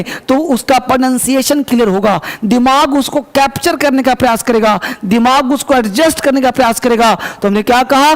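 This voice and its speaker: A man's voice: extremely high pitch, big-room sound. A man teaching a spoken-English lesson with emphasis, repeating key words and asking and answering his own questions.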